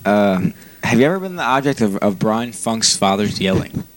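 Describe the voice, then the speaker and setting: A man's voice: fairly low pitch, animated, moderate pace. A man hosting a comic mock interview, asking teasing questions with many hesitations. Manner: hesitant, full of ums, teasing.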